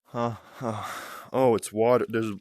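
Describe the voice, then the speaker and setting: A man giving casual commentary while playing a VR game, exclaiming and swearing when startled and counting quietly to himself. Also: fairly low pitch, flat delivery, measured pace, slight background noise. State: out of breath. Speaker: gameplay streamer.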